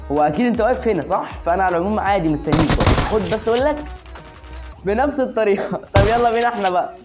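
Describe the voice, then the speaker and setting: Fast-talking Egyptian woman narrating gameplay. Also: mid-range voice. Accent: Egyptian Arabic. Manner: excitable, chatty, talks straight to the viewer. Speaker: gaming channel host. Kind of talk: shooter gameplay commentary. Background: game music and gunfire.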